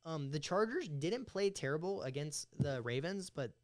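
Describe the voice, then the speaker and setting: A man's voice: fairly high pitch, lively intonation, moderate pace. A young man co-hosting a casual sports podcast, making confident game picks on gut feeling. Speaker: podcast co-host.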